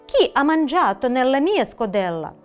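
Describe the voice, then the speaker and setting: A woman voicing an indignant mama bear who shouts her questions, with faint music behind. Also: sits high, very animated, a little slow.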